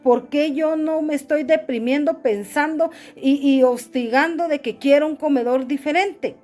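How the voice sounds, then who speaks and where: A woman's voice: high voice, normal speed, darkish tone. A middle-aged woman pastor preaching a sermon, calling listeners "brother" and asking rhetorical questions.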